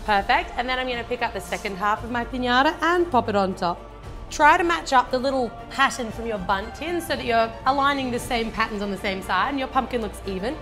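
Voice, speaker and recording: Speaking a little high and fairly quickly, an expressive Australian woman in her thirties runs a baking channel demo from her home kitchen. She chats through each step in an upbeat way, with music playing underneath.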